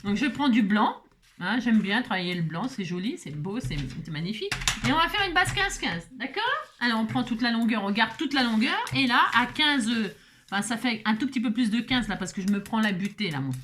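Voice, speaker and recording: A woman's voice: fairly high pitch, animated, brisk, fairly bright tone, a little hiss or hum. A woman hosting a home craft tutorial, chatting casually as she works and often checking in with the viewer, with plenty of fillers while she thinks aloud. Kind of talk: casual step-by-step craft demonstration.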